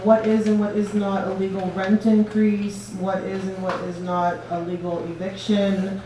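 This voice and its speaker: An American woman explains her office informally and hesitantly. Her delivery is very slow. She sounds far from the mic in a very echoey, noisy room. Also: medium pitch. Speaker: government staff speaker. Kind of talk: informal spoken introduction. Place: large echoey indoor room. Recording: echoey room from far off, clear background noise.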